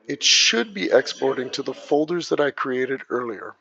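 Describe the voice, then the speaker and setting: Sex: man. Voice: gravelly, a bit creaky. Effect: low sample rate, muffled lo-fi audio. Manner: talks through each click of a software tutorial. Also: expressive, moderate pace. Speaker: video editing instructor. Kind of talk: step-by-step screen tutorial. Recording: dull lo-fi dry voice track.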